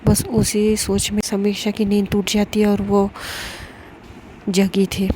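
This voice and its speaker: Brief: woman storyteller, casual narration, monotone delivery, noisy take with clicks. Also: medium pitch. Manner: plain, conversational retelling. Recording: noisy home recording with clicks.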